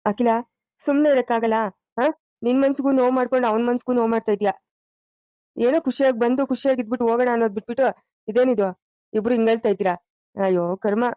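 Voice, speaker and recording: A stern family father, played by a woman, scolds impatiently in a fairly high, flat voice. The cartoon audio sounds dull and dry. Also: quick pace, long pauses, no echo, natural voice. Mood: scolding.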